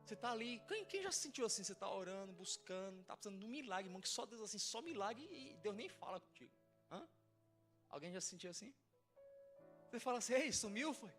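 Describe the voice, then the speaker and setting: A male pastor preaching a sermon, telling stories animatedly, acting out voices and rising to shouts. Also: high voice, sing-song, fast talker, soft background music. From Brazil. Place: church service.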